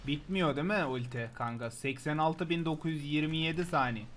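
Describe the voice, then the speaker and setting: Frustrated young man shouting at teammates. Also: a little high, fairly quick, slight background noise. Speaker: streamer playing a team game. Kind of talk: live gameplay commentary.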